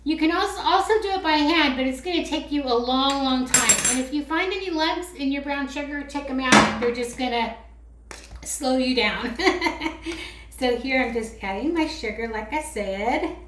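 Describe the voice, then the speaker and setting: A woman's voice: sits high, moderate pace, background noise. A woman vlogger chatting casually while making a craft, rambling and teasing herself as she goes. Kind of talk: casual how-to chat. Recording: roomy echo with faint clicks.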